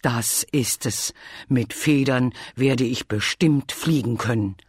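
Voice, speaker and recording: A storyteller voicing an eager, clumsy male bear who wants to fly, speaking slowly and earnestly in a lowered voice. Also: breathy edge, dry recording, studio quality. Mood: determined. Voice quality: deep, slow, earnest and stubborn. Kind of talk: storybook read-aloud.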